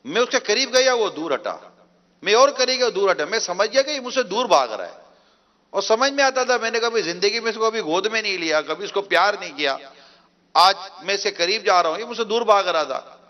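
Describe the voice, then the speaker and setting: A man's voice: high voice, expressive, sharp tone, highs cut off. A man preaching a sermon, telling a story emotively with repeated phrases.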